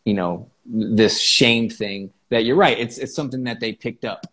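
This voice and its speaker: A man on a podcast explains his ideas in a relaxed, conversational way. He keeps checking in with "right?" and swears casually. His voice sits at an ordinary middle pitch. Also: normal speed. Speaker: podcast guest.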